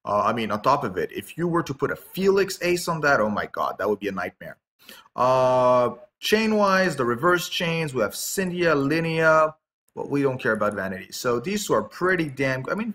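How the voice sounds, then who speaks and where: A man's voice: mid-range voice, sing-song, moderate pace, fairly bright tone. A man reading out game skill text and giving casual, offhand commentary on it, with frequent fillers.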